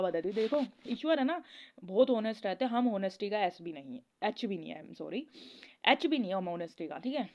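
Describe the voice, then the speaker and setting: A woman talking casually in a spiritual advice vlog, rambling and chatty, often laughing as she tells stories. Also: sits high. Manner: rambling, chatty, keeps asking "okay?". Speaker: spiritual content creator. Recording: dull lo-fi recording.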